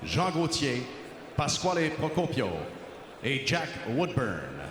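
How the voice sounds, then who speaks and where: A man working as a boxing ring announcer, making formal arena introductions with deliberate, projected delivery and drawn-out names. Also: on the high side, sing-song, a bit bright. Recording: echoey arena PA, long reverb, faint noise.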